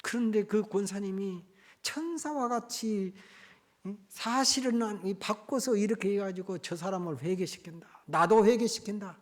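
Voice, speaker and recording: A male pastor preaches in a church, telling a story with a fairly high voice. He swings from loud, pressing lines to hushed asides as he builds the story. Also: moderate pace. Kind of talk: storytelling sermon.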